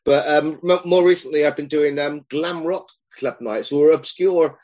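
A man's voice: fairly high pitch, normal speed, darkish tone. Chatty man in his fifties. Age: 50s. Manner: rambling, chatty, self-deprecating. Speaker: guest, club promoter and songwriter. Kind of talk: casual chat.

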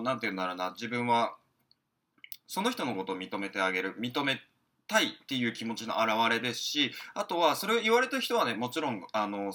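A man's voice: mid-range voice, pushed and bright. A young man teaching an English lesson in casual spoken style, chatty with many fillers.

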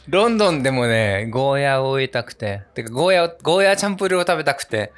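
A man hosting a podcast in London, chatting casually and relaxed with lots of fillers. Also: medium pitch, fast talker. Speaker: host, izakaya owner persona. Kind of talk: casual chat.

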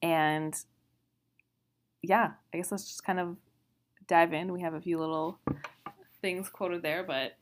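A woman's voice: fairly low pitch, steady tone, unhurried, pauses often. A woman co-hosting a book podcast in casual chat, laughing often and trailing off mid-sentence. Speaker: podcast co-host; writer.

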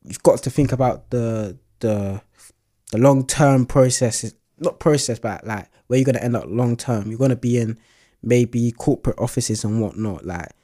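A man's voice: mid-range voice, moderate pace, warm tone. A man in casual podcast chat, laid-back and heavy on slang fillers.

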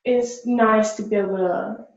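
Donna giovane britannica, tono sincero e positivo, registrazione ovattata con molto riverbero. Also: female voice, medium pitch, fairly even intonation, unhurried. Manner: earnest, upbeat, many "like" fillers. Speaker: guest, social media creator. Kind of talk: casual interview answers. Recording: roomy, dull lo-fi sound.

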